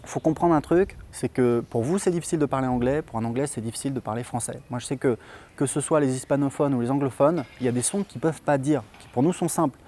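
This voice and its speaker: A man's voice: medium pitch, quick pace, dark tone, slight background noise. Chatty French-speaking man teaching English. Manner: loose and chatty, many hesitations. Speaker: English teacher and channel host. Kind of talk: casual spoken lesson to camera.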